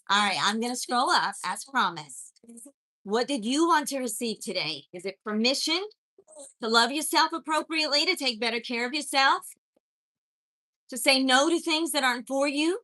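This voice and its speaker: A woman's voice: a little high, sharp tone. A woman with a mixed accent from growing up in many places, hosting a spiritual coaching livestream, greeting viewers and preaching in an earnest, encouraging way. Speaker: spiritual life coach and live-stream host. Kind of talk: live-stream chat greeting viewers and preaching.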